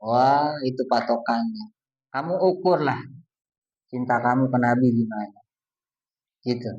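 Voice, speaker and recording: An Islamic preacher delivers a casual, colloquial sermon to a congregation, earnest and addressing his listeners directly. His medium-pitched voice is unhurried with a darkish tone. The recording is distant, dull and lo-fi.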